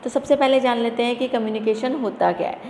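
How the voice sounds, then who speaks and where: A woman teacher with a fairly high voice lectures to her students, posing questions and answering them, and slows right down to read definitions. She calls her students "beta". The recording sits in an echoey room with a long reverb tail and faint background hiss. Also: fairly even intonation, warm tone. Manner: asks questions then answers them herself; reads English definitions slowly and deliberately.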